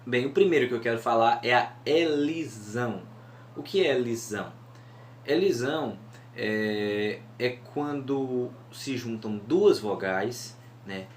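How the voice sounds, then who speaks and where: A man with a Northeastern Brazilian accent teaching a lesson on cordel poetry, patiently explaining and slowly scanning verse syllables aloud. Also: medium pitch, lively intonation. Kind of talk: mini-course lesson. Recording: echoey room, faint hum.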